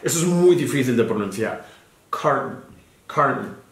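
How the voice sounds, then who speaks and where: A man with a fairly high, sing-song voice takes his time teaching a child English vocabulary one-on-one. Patiently, he shifts between English and Spanish and spells out words letter by letter, recorded in an echoey space with noise behind him.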